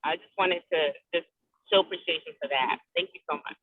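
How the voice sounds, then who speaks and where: A woman's voice: sits low, wildly swooping pitch, gravelly, dry recording. Woman on a tinny conference call line. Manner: polite, appreciative, many "uh" pauses. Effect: speaking over a conference call phone line. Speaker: call participant. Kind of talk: casual group call. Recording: tinny phone line, dry.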